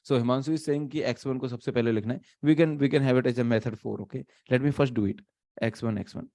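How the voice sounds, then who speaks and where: Rapid-fire and fairly even in intonation, this Indian teacher in his thirties runs a live online class from a small room, mixing Hindi into his Indian English. His middle-pitched voice thinks out loud with many restarts and fillers, captured by a webcam setup that isn't close.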